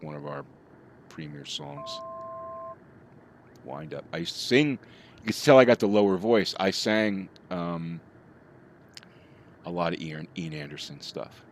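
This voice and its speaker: A middle-aged streamer with a low, animated voice chats casually with his live chat while playing, rambling from one topic to the next. He talks at a normal speed and pauses often, and there's a slight hiss or hum on the recording.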